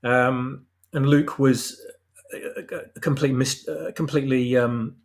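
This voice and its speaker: Speaking a little slowly in a gravelly, mid-range voice with a steady tone, this man is the guest writer of a fan audio drama. He discusses his own story casually, hesitating while he searches for the right words.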